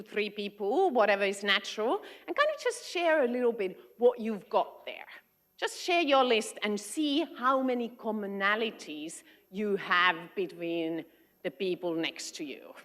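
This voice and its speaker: A Finnish woman with a slightly high, bright voice and a Finnish accent gives a friendly, engaging keynote to a large conference audience. She works as an education consultant.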